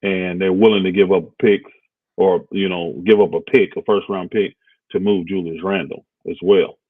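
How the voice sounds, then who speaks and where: Low-voiced man on a tinny line. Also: fairly even intonation, normal speed, dry recording. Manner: laid-back, rambling, thinks aloud with fillers. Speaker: co-host of a basketball talk stream. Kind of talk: casual sports talk livestream. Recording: dry, phone-like audio.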